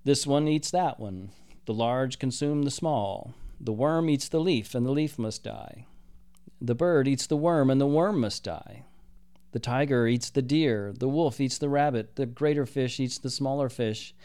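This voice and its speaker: A man voicing a solemn, measured archangel captain who speaks in a formal, archaic way. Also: medium pitch, dark tone, clear, resonant tone, close to an everyday voice.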